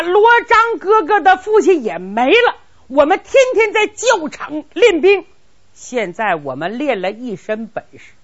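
Lady storyteller doing a lisping sly teen boy, high and jumpy, wails stretched out, lo-fi. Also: a bit bright. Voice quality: lisp. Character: lisping scheming mischievous teenage boy. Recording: dull lo-fi recording.

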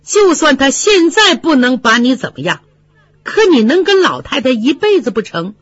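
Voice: high-pitched, very animated, moderate pace, a bit bright, no echo, voice pushed up. A storyteller voicing a prudent young maidservant who asks and warns in a curious, earnest way. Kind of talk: storytelling with voiced characters. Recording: dry, slightly dull lo-fi recording.

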